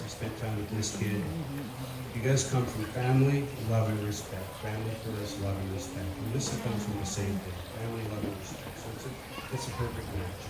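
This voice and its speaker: A middle-aged man, the father of the bride, giving a wedding speech as a folksy, joking storyteller. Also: fairly low pitch. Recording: echoey hall, distant mic, loud noise.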